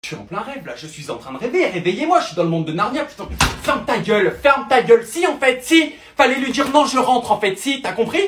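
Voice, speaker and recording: A man's voice: wildly swooping pitch, very fast, hardly any pauses, reverberant, recorded from a distance, slight background noise. A man voicing a furious, jealous young girlfriend who screams insults at her partner who came home late, in a comedy sketch. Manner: screaming insults, shrill and raging.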